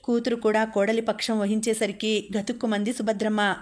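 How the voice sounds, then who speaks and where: A woman narrating an audiobook novel in a steady, even manner. Her mid-range voice barely rises or falls as the story moves along. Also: medium pitch, brisk.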